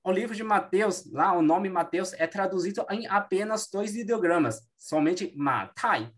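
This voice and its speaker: A man's voice: high voice, normal speed. Male teacher, patient. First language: Mandarin Chinese. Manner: explanatory, frequent "né" tags, self-corrections. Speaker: Mandarin teacher. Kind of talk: classroom explanation.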